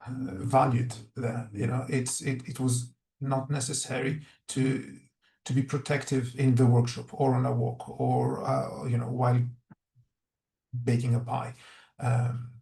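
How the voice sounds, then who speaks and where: A man's voice: medium pitch, vocal fry, a little mellow, roomy sound. A man presenting research findings in a webinar, earnest and reflective, often restarting his sentences.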